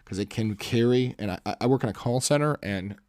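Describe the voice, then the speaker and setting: Sketching live for an audience, the host chats loosely and fixes his own words as he goes, sounding commanding like a salesman. His mid-range voice moves briskly and is a little mellow. He speaks right into a close microphone, with no echo.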